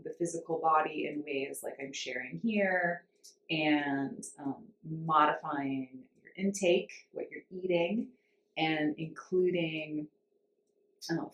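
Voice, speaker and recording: A woman instructor informally explaining a breathing and cleansing practice in a measured way, with pauses. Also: deep voice. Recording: roomy, echoing sound.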